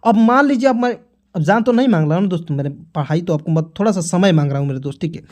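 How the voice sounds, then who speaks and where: A man's voice: high-pitched, quick pace, a little mellow. A man teaching English pronunciation rules in an online lesson, talking to viewers as friends and repeating himself often, sometimes breaking into motivational exhortation. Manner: repetitive, keeps addressing viewers as friends.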